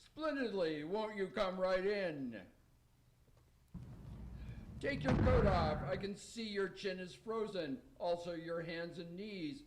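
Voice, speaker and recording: Man playing a high-voiced, genial Santa Claus. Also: expressive, slow pace, background noise. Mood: hospitable. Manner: polite, gently reproving rhymed speech. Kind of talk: verse radio play acting.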